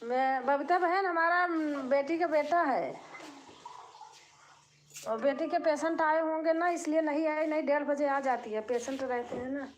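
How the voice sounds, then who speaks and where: A woman's voice: sits high, a little slow, a little hiss or hum. Chatty older woman hosting a live stream. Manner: chatty, warm-hearted, breaks into folk singing. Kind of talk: casual live chat with viewers. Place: home.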